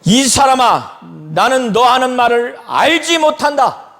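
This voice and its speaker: A man's voice: extremely high pitch, big pitch swings, measured pace, fairly bright tone, voice pushed up, exaggerated voice. A male pastor voicing a frightened man who curtly denies his friend during a sermon. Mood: denying. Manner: curt, defensive denials.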